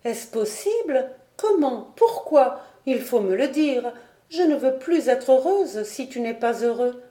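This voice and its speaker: A woman's voice: medium pitch, moderate pace, warm tone, roomy sound, close to an everyday voice. A woman voicing an anxious, tender young daughter who pleads with her father in a storybook reading. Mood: pleading. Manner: pleading, urgent questions.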